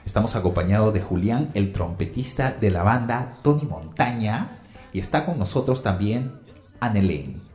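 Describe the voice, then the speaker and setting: Deep relaxed male radio host. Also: moderate pace, echoey room. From Peru. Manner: relaxed, laughs easily, hesitant fillers. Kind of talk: casual radio interview.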